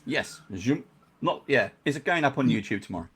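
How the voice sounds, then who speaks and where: A man's voice: medium pitch, animated, brisk, fairly bright tone, husky. A man chatting casually as a player in a tabletop game. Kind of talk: casual chat.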